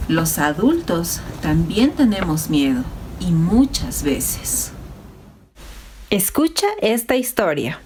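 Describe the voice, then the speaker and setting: Animated woman teaching children. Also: lowish voice, slow pace, a little hiss or hum. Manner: warm, animated, addresses children. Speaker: Sunday school teacher. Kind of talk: children's Bible lesson.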